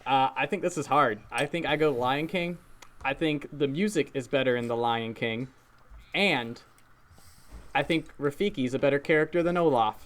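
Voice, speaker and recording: A man's voice: medium pitch, normal speed, fairly bright tone. A man hosting a podcast in casual chat, jokey and self-deprecating. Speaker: podcast host.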